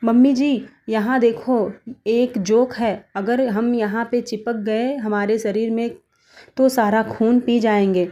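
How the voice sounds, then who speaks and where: A woman's voice: a little high, fairly even intonation, slow, dark tone. A woman voicing an anxious, sleepless young daughter-in-law in a cartoon story, speaking in a pleading, fretful way.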